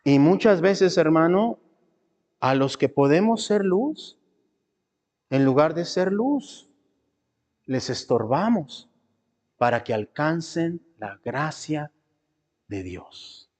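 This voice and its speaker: A male pastor delivering a sermon, breaking into high mimicking voices and stretching out phrase endings. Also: very animated, takes it slowly, pauses often, darkish tone. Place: church. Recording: reverberant church hall.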